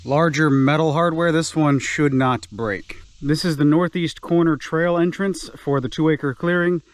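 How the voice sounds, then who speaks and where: A man's voice: a little high, measured pace, dry recording. A man vlogging outdoors while working his land, chatty and self-deprecating, thinking aloud as he goes. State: slightly out of breath. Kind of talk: casual vlog talk to camera. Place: outdoors on a wooded clearing.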